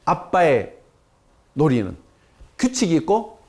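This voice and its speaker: High, lively male lecturer. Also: slow pace. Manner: asks the audience questions and answers them himself; acts out quoted speech. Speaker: parenting lecturer. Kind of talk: lecture to parents.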